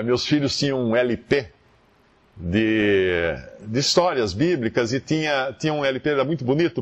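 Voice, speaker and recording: Um homem com sotaque brasileiro dando um estudo bíblico, lendo as escrituras em voz alta com emoção. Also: male voice, mid-range voice. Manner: expressive, reads scripture aloud with feeling. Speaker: Bible teacher. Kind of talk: Bible teaching talk.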